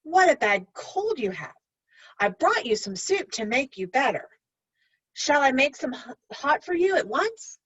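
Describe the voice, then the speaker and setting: A woman reading a storybook as an innocent, caring little girl, with slow, wide-eyed wonder. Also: sits high, big pitch swings, fairly bright tone, distant mic, lo-fi sound, pitched above the performer's own voice, full character voice. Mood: concerned. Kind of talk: children's storybook read-aloud.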